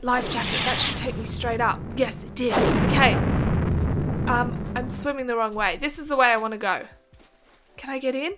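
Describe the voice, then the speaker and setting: A young woman giving chatty, excitable game commentary, gasping and giggling as she reacts. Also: high voice. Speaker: gaming video host.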